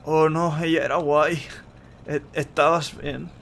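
A man from voicing a drunk, weepy young female cat, talking in a slurred, wobbly, drawn-out way. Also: on the high side, fairly even intonation, creaky, fairly bright tone, a little hiss or hum, pitched above the performer's own voice. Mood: drunk pleading.

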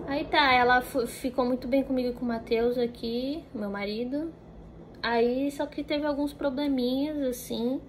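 A young woman with a Brazilian Portuguese accent talks straight to the camera from her home. Her voice sits at a middle pitch. She rambles along in a relaxed, casual way, full of fillers and restarts. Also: a little hiss or hum. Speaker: vlogger.

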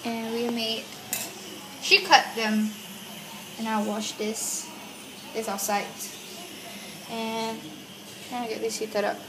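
A young woman films on a handheld phone while cooking at night in a small home kitchen, casually teasing her friend about how she cuts the food. Her voice is fairly high and fairly flat, and she speaks slowly with frequent pauses. A sizzling pan makes the kitchen noisy.

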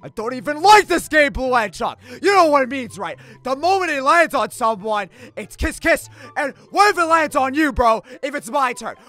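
A man's voice: very high-pitched, very animated, normal speed, hardly any pauses, sharp tone, full character voice. A man voicing a grumpy, easily panicked cartoon hedgehog antihero, ranting in exasperation and stammering when nervous. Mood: exasperated. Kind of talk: comic dub voice acting. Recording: music playing behind the voice.

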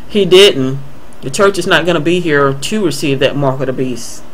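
A man earnestly explaining Bible passages in a voice-over, answering a viewer's email and pausing often with fillers and restarts. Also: on the high side, slight background noise, rough recording. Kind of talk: unscripted Bible commentary voice-over.

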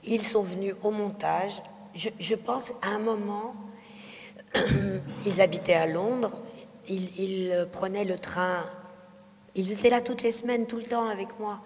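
Slow, hesitant woman in a reverberant hall. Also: mid-range voice, darkish tone. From France. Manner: hesitant, many fillers and restarts. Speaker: film director guest. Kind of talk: reflective interview answers at a public talk. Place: festival talk hall.

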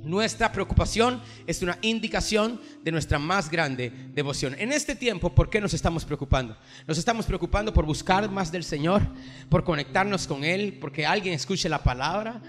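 A man preaching a sermon as a pastor, building to an impassioned, declaiming intensity. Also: high-pitched. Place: livestreamed from a church or studio.

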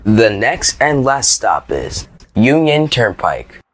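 A man reading scripted transit announcements like a subway or airport announcer, in a formal, measured manner. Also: mid-range voice, very animated, fairly bright tone, no echo. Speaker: train announcer.

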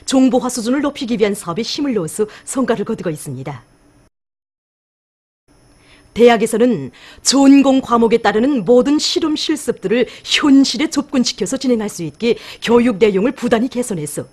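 A woman's voice: on the high side, a little mellow, breathy edge. A woman with a North Korean accent reading formal scripted news narration.

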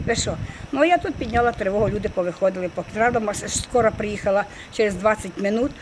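Gabby 60s lady, talks a mile a minute outside on the street, faint hiss. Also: medium pitch. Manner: rapid, excited, rambling storytelling. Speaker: pensioner eyewitness. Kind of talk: street interview. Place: outdoors on a town street.

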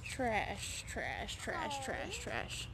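A woman's voice: fairly high pitch, wildly swooping pitch, drawn-out words, vocal fry, over a noisy crowd. A woman, talking straight to the camera in a rallying, emphatic way, hammering key words as she makes an announcement. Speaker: vlogger. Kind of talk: direct-to-camera vlog and announcement. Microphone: phone or camera close to her face. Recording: roomy echo, faint background hiss.

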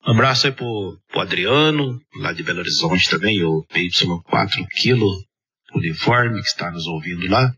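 A low, gravel-edged Brazilian man with a sharp tone chats easily over two-way radio. The band-limited audio suits his friendly, casual operator style. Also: animated, moderate pace, highs cut off. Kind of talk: casual ham radio chat.

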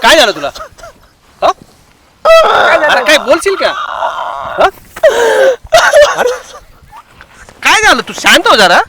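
A man's voice: very high voice, huge pitch swings, slow pace, pauses often, sharp tone. A man with a rural Marathi accent playing a friend in a comedy sketch, coaxing and pleading with a distraught friend.

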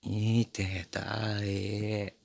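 A man playing a teasing, affectionate young boyfriend in intimate ASMR role-play, murmuring softly and very close to the microphone. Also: fairly low pitch, level tone, extremely slow, full character voice. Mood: affectionate, coaxing. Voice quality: breathy, gravelly. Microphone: very close binaural microphone, dry.

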